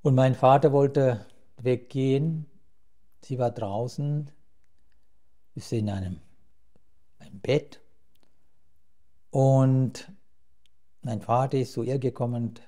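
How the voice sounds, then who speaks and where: A man in his seventies from Sri Lanka, a Buddhist monk with a Sri Lankan accent, telling his life story in a slow, halting way with many restarts. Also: medium pitch, mellow. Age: 70s. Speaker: Buddhist monk, interview guest. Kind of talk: reflective life-story interview. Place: temple hall with a Buddha shrine and plants.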